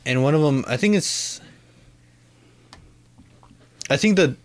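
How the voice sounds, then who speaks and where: A man's voice: on the high side, animated, slow, a loud crowd. A man co-hosting a casual podcast, rambling and swearing as he talks. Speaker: podcast co-host. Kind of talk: casual chat. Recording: faint background noise.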